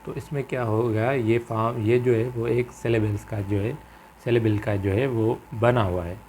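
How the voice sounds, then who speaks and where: A man teaching a grammar lecture, halting and full of fillers, mixing English terms into his Hindi. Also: on the low side, fairly even intonation, darkish tone, slight background noise. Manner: halting, many fillers and repeated phrases; mixes English terms into Urdu-flavoured Hindi.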